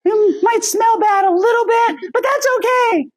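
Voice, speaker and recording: A woman doing a squeaky, giggly little monster. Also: moderate pace. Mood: cheerful. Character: giggly childlike red monster puppet, male.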